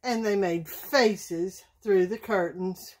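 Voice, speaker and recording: A woman reads a children's picture book aloud at bedtime. She takes her time, with a slow, expressive delivery in a mid-range voice. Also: medium pitch, slight background noise. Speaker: storyteller. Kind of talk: bedtime story read-aloud.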